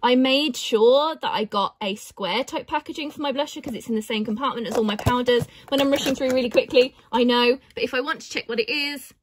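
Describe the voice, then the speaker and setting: A woman's voice: high voice, brisk, few pauses. A bubbly young woman with a British accent, chatting enthusiastically through a casual makeup tutorial. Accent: British English. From Britain. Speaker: beauty vlogger.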